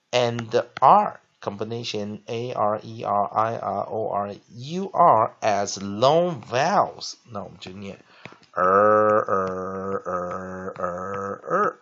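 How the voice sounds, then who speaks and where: A male teacher explaining English spelling, spelling words out letter by letter and repeating them slowly. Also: mid-range voice, creaky, fairly bright tone. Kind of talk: classroom-style lesson explanation. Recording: dull lo-fi recording with faint noise.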